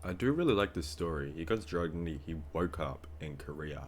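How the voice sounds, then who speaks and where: A man's voice: sits low, animated, a little fast, slight background noise. A man streamer reacting to music, talking in a rambling, casual way with many fillers.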